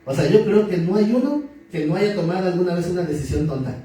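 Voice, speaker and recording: A male pastor preaches in an easy, joking manner and keeps asking his listeners questions. His voice sits a little high but sounds very dark and mellow. He is heard from well back in a very echoey hall, with faint noise behind him. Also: lively intonation, fast talker, distant mic. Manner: conversational, joking, asks the audience questions. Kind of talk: sermon.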